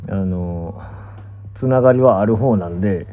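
A man's voice: deep voice, unhurried, faint music behind. A young man with a Kansai accent chatting casually on a livestream, musing hesitantly and trailing off. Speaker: pro gamer and streamer. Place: small indoor room, lying down. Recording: muffled, thin phone-like audio.

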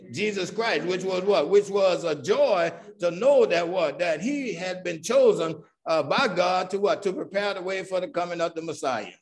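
Guy teaching sunday school, kinda higher voice, keeps going "what?" and answering himself, amen after every point. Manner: chuckles now and then between points. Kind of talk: Bible study teaching.

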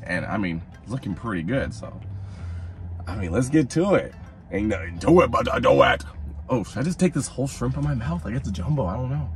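A man casually reviewing fast food in a chatty, slangy, animated way, likely from a parked car. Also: mid-range voice, soft background music.

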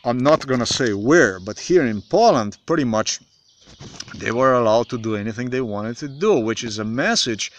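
A man in his forties from Slovenia with a Slovenian accent, speaking in a halting, repetitive, emphatic monologue to a phone camera in a forest. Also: medium pitch, lively intonation, a little hiss or hum. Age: 40s. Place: outdoors in a forest. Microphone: phone camera at arm's length.

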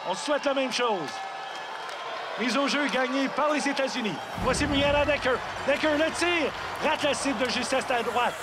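High-pitched excited male hockey commentator, Quebec accent. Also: normal speed, heavy background noise. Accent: Quebec French. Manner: exclamatory, calling out plays in short bursts. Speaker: play-by-play sports commentator. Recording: loud music and roaring arena crowd. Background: music and arena crowd.

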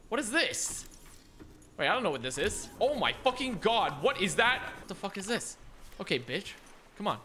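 A young man streaming a game, excitable and constantly swearing and exclaiming. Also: a little high. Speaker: gaming streamer. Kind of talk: casual game commentary.

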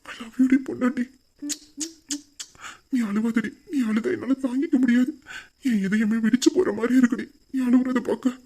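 A young man voicing a loving husband who gently consoles his crying wife in an audio drama. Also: sits high, fairly even intonation, normal speed, long pauses. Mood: tender. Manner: tender, soothing, affectionate. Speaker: husband Veera. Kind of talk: emotional audio drama acting.

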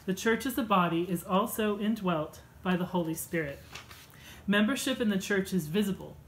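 A woman in her thirties at home, reading a church class lesson from her notes in a measured, earnest way with a few fillers. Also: mid-range voice, slight background noise, low-quality recording. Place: home room with bookshelves.

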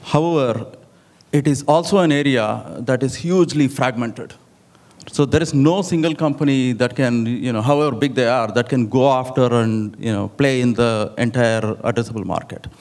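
A middle-aged man on a conference hall stage, talking into a handheld mic. He explains things steadily and fills his pauses with "you know". His voice sits at an ordinary middle pitch. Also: a little mellow. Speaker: panelist. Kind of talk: conference panel discussion. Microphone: handheld microphone.

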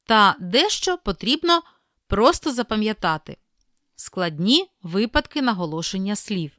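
A woman teacher reading a scripted lesson, clear and deliberate, slowing down to spell out example words. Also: medium pitch, big pitch swings, a bit bright, no room sound, studio quality.

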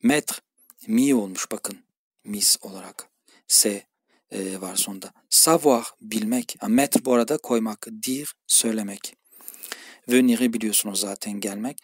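A man's voice: lowish voice, normal speed, husky, no echo, clean studio sound. A man teaching a language grammar lesson, explaining step by step and often addressing viewers as friends. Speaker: French teacher. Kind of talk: screen-recorded grammar lesson.

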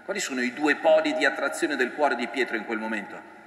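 A man's voice: medium pitch, fairly quick, a bit bright, slight background noise. A priest giving a reflective sermon, voicing the scripture he quotes with feeling. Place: church. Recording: echoey church with long reverb.

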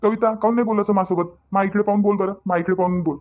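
Cartoon husband: performer voicing a quick, pleading young man, Varhadi accent, tinny phone-like sound. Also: mid-range voice, steady tone, natural voice. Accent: Vidarbha Marathi (Varhadi). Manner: pleading, defensive. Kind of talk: cartoon voice acting.

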